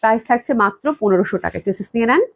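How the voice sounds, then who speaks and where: A woman's voice: a little high, very fast. A woman hosting a live online sale of dresses from her office, gushing with enthusiasm and repeating her praise, while she recovers from a cold and keeps coughing. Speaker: clothing shop owner selling dresses live. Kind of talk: live online sales stream. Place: indoors at the company office.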